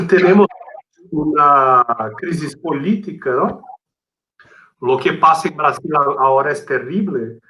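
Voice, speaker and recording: A Brazilian man, a native Portuguese speaker, speaking portuñol, a halting mix of Spanish and Portuguese with frequent tag questions, as an interview guest explaining things. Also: fairly high pitch, bright, forceful tone, rough recording.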